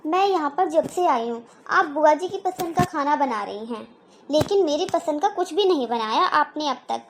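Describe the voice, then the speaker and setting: A woman's voice: high voice, animated, moderate pace, background noise. Woman voicing a whiny demanding young woman. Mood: complaining. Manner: whiny, complaining. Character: petulant young married woman, demanding and sulky. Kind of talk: cartoon voice acting.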